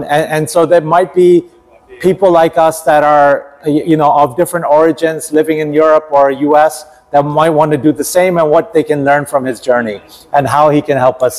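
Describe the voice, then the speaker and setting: A man's voice: fairly high pitch, darkish tone, rough recording. A man hosting a podcast interview, introducing his guest in a conversational way with small restarts. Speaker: podcast host.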